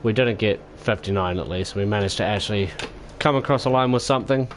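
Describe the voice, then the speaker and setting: A man wrapping up a racing stream, tired and sore, self-critical and halting with lots of fillers. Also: fairly low pitch, a little hiss or hum. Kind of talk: casual post-race wrap-up.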